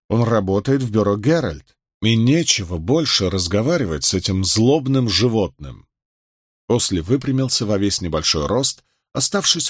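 A man reading a novel aloud as an audiobook narrator, in an expressive, dramatic manner. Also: lowish voice, no room sound, clean studio sound. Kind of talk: scripted literary narration.

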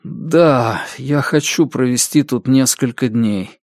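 A man reading the lines of a dazed, grieving widower who speaks quietly and hesitantly, in an audiobook. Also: medium pitch, takes it slowly, dry recording, studio quality. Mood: numb.

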